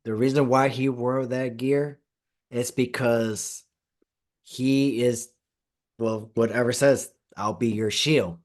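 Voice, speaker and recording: A man hosting a wrestling podcast, chatting excitedly and stressing his points, his voice a bit hoarse. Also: medium pitch, slow. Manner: excited, emphatic, repeats phrases. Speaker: podcast host. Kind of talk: casual podcast chat.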